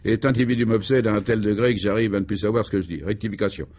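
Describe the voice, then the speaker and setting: A man playing an excitable, pompous male security chief in a radio serial, who talks in an emphatic, declamatory way. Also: fairly low pitch, racing, natural voice. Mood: indignant. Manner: agitated and exclamatory. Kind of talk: 1950s-style French radio serial acting.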